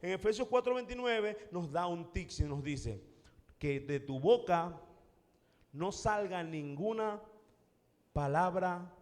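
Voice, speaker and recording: A man's voice: sits high, animated, slow pace, long pauses, a little mellow, big-room sound. A man preaching a sermon to a congregation, emphatic and repetitive, calling out to the listeners directly. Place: church hall.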